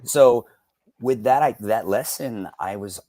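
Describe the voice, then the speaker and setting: A man, a voice actor as interview guest, telling lively stories about his work, acting out quotes and laughing often. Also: on the low side, slow. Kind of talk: casual interview storytelling.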